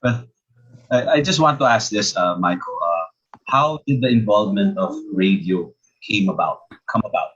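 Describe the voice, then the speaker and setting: A male podcast host asking halting interview questions with many pauses. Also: on the low side, lively intonation, fairly bright tone, breathy edge, dull audio.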